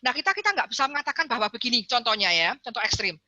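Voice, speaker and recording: A female psychologist and counselor, appearing as a guest speaker, gives a parenting talk over a video call in a fairly high, rapid-fire voice. She's animated, acting out parents and children in quotes and repeatedly addressing her listeners as parents. The audio is dull, with no echo.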